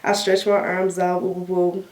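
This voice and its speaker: A young woman vlogger telling a story in a casual question-and-answer chat, animated and laughing often, acting out her own reactions in a higher voice. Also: normal speed, far from the mic. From United States. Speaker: beauty vlogger. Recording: echoey room, a bit off mic.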